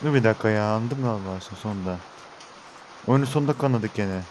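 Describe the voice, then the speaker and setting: A man's voice: lowish voice, fast talker, darkish tone, slight background noise. A young Turkish man giving let's-play commentary, talking to his viewers and getting frustrated with the game. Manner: exasperated, talks to viewers as he plays. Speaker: gaming YouTuber.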